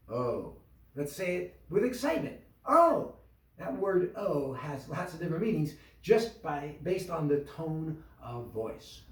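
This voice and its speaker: A man giving an instructional talk to a small business group, animated and full of questions, acting out tones of voice. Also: a little high, recorded from a distance. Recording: echoey room, voice from off the mic.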